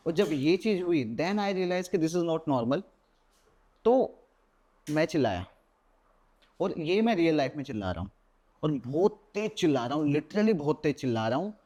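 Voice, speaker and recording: Slightly high-voiced young man telling a story. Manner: animated storyteller, mixes English words into Hindi. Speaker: podcast guest. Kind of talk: recounting a personal horror story.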